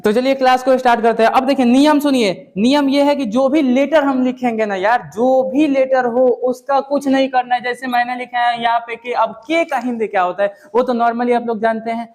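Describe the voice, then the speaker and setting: Man, very high pitch, casual classroom teacher, repeats and quizzes students. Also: steady tone, brisk, hardly any pauses, a little mellow. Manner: repetitive, drilling students with questions; casual, says "yaar" and "bhai". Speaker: English pronunciation teacher. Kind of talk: classroom lesson.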